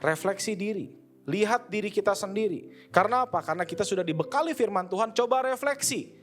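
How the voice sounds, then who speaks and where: Seorang pria berlogat Jakarta berkhotbah dengan santai dan akrab, sering memerankan percakapan dengan dirinya sendiri. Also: male voice, high voice, animated, fairly quick, fairly bright tone, soft background music. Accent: Jakarta Indonesian. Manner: conversational, slangy, acts out inner dialogue. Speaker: preacher. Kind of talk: casual sermon. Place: church service.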